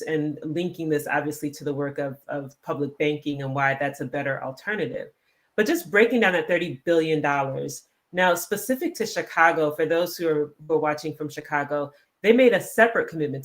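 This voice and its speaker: A host of a live discussion show, speaking in a measured way and framing questions at length. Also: medium pitch.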